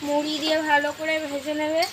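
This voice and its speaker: Young woman, high voice, slightly hoarse, playful kitchen commentary, faint noise behind. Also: monotone, fast talker. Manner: chatty, playful commentary on her mother's cooking. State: hoarse throat. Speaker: daughter of the vlogger. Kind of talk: casual chat to viewers. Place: home kitchen.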